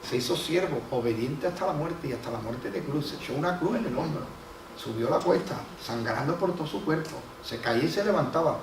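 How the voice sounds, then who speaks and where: Gravelly pastor preaching. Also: male voice, on the high side, lively intonation, a little fast, noisy background. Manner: folksy storytelling, acts out quoted voices. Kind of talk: sermon. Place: church hall. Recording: echoey hall from a distant mic.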